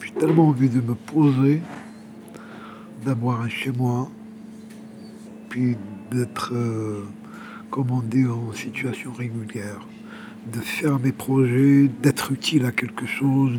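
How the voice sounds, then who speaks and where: Slow and fairly even in intonation, his mid-range voice comes through with some background noise. The speaker is a Kabyle Algerian in his 60s, a homeless journalist in exile giving an interview. He recounts his experiences conversationally, repeating words as he gropes for the next.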